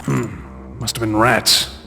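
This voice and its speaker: Wary patrol guard in a video game, creaky gravelly voice, loud music behind. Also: male voice, fairly low pitch, flat delivery, slow. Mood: suspicious. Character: suspicious, easily settled male guard on patrol.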